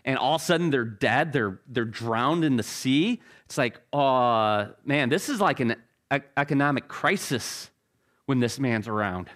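A man's voice: medium pitch, expressive, a little slow, a bit bright. A middle-aged male pastor preaching a sermon in a casual, conversational way, joking about himself and often repeating words as he restarts phrases. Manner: casual, conversational preaching with self-deprecating humor.

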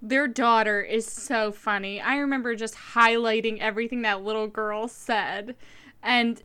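A woman's voice: fairly high pitch, steady tone, a little slow, bright, forceful tone, smooth. A woman co-hosting a podcast, chatting casually and gushing enthusiastically about books she loves. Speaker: podcast co-host. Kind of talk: casual book chat.

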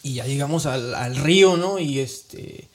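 A man's voice: mid-range voice, measured pace. A man with a Mexican accent, a guest earnestly recounting a personal story in colloquial, emotional speech. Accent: Mexican Spanish. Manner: earnest, colloquial, with frequent tag questions and restarts.

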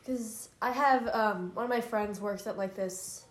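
A woman's voice: medium pitch, unhurried, roomy sound. A young woman co-hosting a casual family podcast, chatting in a rambling way with lots of fillers. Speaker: podcast co-host.

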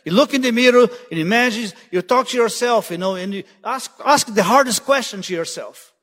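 High-voiced guest preacher, hall reverb. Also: male voice, a little fast, fairly bright tone. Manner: urgent, repeats "listen" to drive points home. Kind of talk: sermon. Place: church sanctuary. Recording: long church hall reverb.

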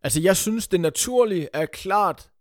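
A man's voice: high-pitched, lively intonation, no room sound, studio quality. A Danish man in casual podcast chat as a co-host, speaking bluntly and sardonically with some swearing.

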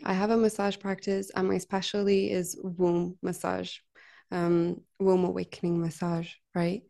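Chatty earnest woman, mid-pitched. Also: creaky, a little mellow. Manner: chatty, frequent "like" and "right?" tags; earnest, heartfelt. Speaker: massage therapist and healer. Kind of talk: casual conversational storytelling.

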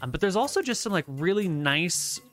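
A woman working as game master, improvising scene descriptions in a casual, halting way. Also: on the low side, very animated, faint music behind. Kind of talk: improvised tabletop game narration.

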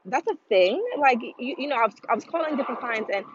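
A vlogger talks casually to the camera about her trading story, rambling and leaning heavily on "um" and "like." Her voice is a little high, animated and fast, and she acts out quoted voices in a livelier tone. The audio is slightly dull and lo-fi, with a bit of background noise.

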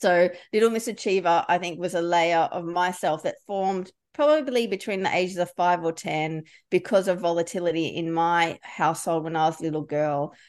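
A middle-aged woman with a fairly low voice speaks as a leadership coach on a podcast. She tells personal stories candidly, often restarting her sentences as she works through an idea. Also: normal speed, hardly any pauses, darkish tone. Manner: candid, storytelling, frequent restarts. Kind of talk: podcast interview answer.

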